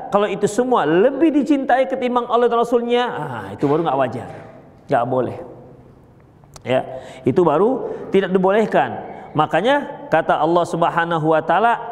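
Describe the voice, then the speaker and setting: A man preaching a sermon to a group of brothers, lively and joking as he explains a verse. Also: sits high. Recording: echoey hall.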